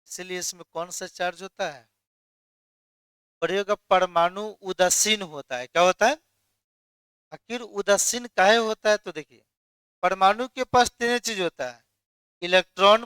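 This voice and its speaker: Male chemistry tutor, high clear voice, dry close sound, quizzes the class and supplies the answers. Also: measured pace, pauses often, sharp tone, dry recording. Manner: quizzes students, then answers his own questions. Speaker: chemistry teacher. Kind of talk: classroom lecture.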